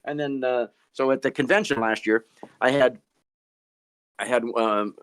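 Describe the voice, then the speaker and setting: A man's voice: mid-range voice, a little slow, a bit bright, smooth. A middle-aged man tells stories as a ventriloquist guest in a casual interview, stammering over repeated words and chuckling. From Boston.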